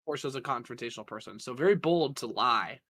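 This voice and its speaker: A man's voice: medium pitch, fairly quick, no echo. A man co-hosting a podcast, chatting casually about a reality show and acting out what the contestants said. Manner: animated, acts out quotes from contestants. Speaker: podcast co-host.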